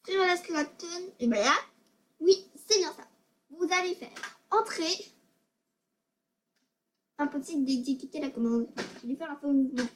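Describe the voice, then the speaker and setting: A woman's voice: sits high, moderate pace, pauses often, slight background noise. A female gaming video maker giving casual tutorial commentary, hesitant and self-conscious, often stammering and repeating words.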